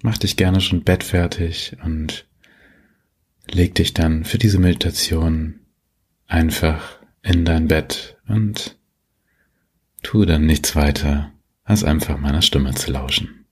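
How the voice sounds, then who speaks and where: Deep, slow sleep story narrator, male. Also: husky. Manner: soothing, gentle, unhurried, with long pauses. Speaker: meditation guide, host.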